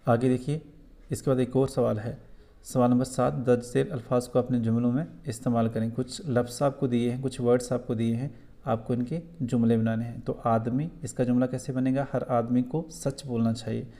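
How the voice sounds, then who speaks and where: A man's voice: medium pitch, flat delivery, normal speed, mellow. A man with a Kashmiri accent who teaches a school lesson, explaining answers patiently and repeating points for young students.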